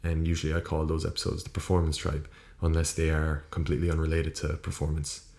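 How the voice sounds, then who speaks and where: An Irish man with a very low voice talks solo as a podcast host. His intonation stays flat while he rambles casually, corrects himself and swears offhand. The room around him sounds echoey, with poor acoustics. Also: quick pace, creaky. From Ireland. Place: small room, indoors. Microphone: USB podcast microphone.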